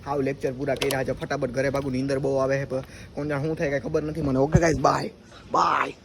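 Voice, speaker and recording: A man's voice: mid-range voice, level tone, quick pace, vocal fry, noisy background. A young man with a Gujarati accent, chatting casually to viewers in a vlog. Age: young adult. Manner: chatty, addresses viewers as guys. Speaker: vlogger.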